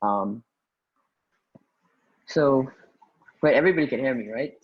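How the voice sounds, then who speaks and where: Tutoring students in an informal online session over a video call, a man from Guyana who was raised in the Bahamas speaks hesitantly and often restarts his sentences. His medium-pitched voice is unhurried and slightly rough, and the sound is lo-fi.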